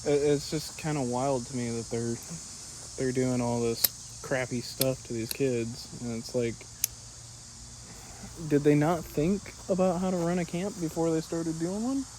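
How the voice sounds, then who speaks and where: A man with a steady mid-range voice speaks a little slowly as he vlogs from a yard. He rambles in relaxed slang, addressing viewers as "dude" while chatting along. Clear insect and ambient noise fill the outdoor recording.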